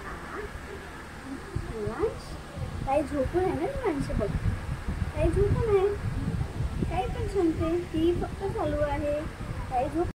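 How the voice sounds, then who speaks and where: A woman's voice: extremely high pitch, animated, a little slow, pauses often, heavy background noise. A young mother with a Marathi accent, talking in singsong baby talk to her infant at home while she films on a phone. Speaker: mother and vlogger. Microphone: phone camera.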